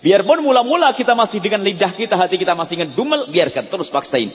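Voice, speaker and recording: High-voiced preacher in an echoing hall. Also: male voice, fast. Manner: animated, acts out mock prayers and quoted voices; conversational, addresses the audience directly. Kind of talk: sermon. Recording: dull lo-fi recording with long hall reverb.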